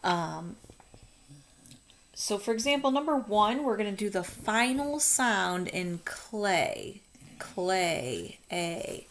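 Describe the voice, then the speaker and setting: A woman's voice: mid-range voice, expressive, takes it slowly. A woman teacher recording a phonics lesson for young children, drawing out letter sounds in a sing-song teacher voice.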